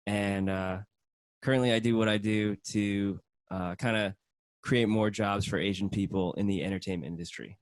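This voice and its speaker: A man's voice: on the low side, steady tone, moderate pace, no echo. A man from Hong Kong, a country singer, answering interview questions casually with fillers.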